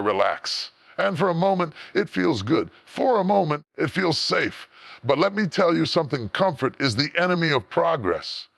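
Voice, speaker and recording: A man's voice: mid-range voice, fairly bright tone, dry recording. A man delivering a motivational speech, emphatic and rhythmic, building repeated phrases to sudden roaring peaks.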